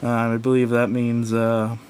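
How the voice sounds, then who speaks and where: Here a man speaks in a monotone, unhurried and darkish, while giving an offhand, unscripted product review with his hands on the item. He hesitates, rambles and keeps correcting himself. It's a noisy home recording with low rumble, made indoors at a wooden table.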